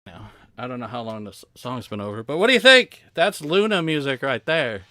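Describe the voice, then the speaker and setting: A man hosting a casual game live stream from home, rambling softly as he chats with his viewers. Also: medium pitch, big pitch swings, normal speed, dry recording, clean studio sound. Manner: rambling, soft-spoken, chatting with viewers.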